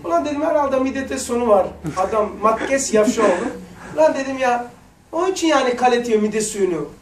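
A man's voice: extremely high pitch, animated, normal speed, slight background noise. A man giving a religious lesson, telling stories in a casual, colloquial way with blunt slang asides. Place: lesson room. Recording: roomy echo, mic far off.

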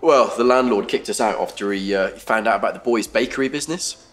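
An actor playing a hapless young man in a sitcom, awkward and stammering, with a slightly husky voice. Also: fairly low pitch, quick pace, fairly bright tone, close to an everyday voice. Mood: chatty. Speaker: lead character in comedy series. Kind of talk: sitcom acting.

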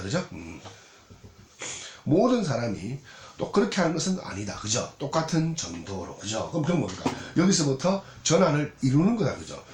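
A man with a Gyeongsang Korean accent giving a recorded exam lecture, checking in constantly with rhetorical questions. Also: medium pitch. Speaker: English exam tutor. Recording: roomy echo, faint noise, clicks.

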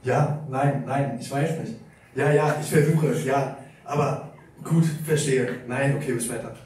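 A man's voice: medium pitch, a little slow, a little mellow, slight background noise, lightly acted. A man playing a harried, bureaucratic secretary in hell at a live script reading. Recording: echoey hall recorded from far off.

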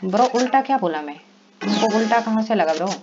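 A man giving excitable live commentary while he plays, yelling and pleading in bursts. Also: high voice, fast talker, music in the background. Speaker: gaming vlogger. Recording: lo-fi with steady background noise.

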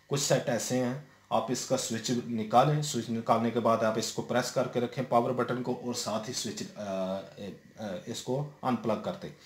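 A man talking through a hands-on TV repair step by step, with frequent fillers and check-ins. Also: medium pitch. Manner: explains step by step, many fillers and repeated "theek hai". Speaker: TV repair technician. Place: indoor room at a workbench. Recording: roomy echo with faint noise.

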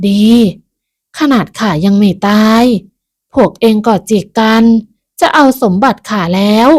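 Stern old granny from a woman narrator, blunt gruff talk, slow and even, storybook tale. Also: medium pitch, lightly acted. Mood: scornful. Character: stern cold-eyed old grandmother guarding her riches.

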